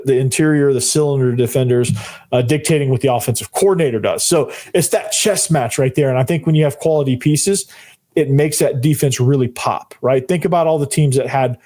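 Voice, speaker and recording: A male sports podcast host breaks down football in an informal, conversational way. His voice is hoarse and nearly spent, with a dark, mellow tone at a middling pitch. He often repeats phrases to drive a point home. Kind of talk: solo football analysis commentary.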